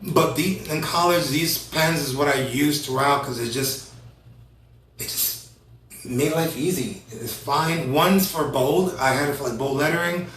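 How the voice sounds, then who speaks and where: A man in his thirties hosting a casual talk show, energetic and rambling, often restarting his sentences. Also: on the high side, unhurried, roomy sound, recorded from a distance, a little hiss or hum, low-quality recording. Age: 30s. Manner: energetic, rambling, self-correcting. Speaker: host.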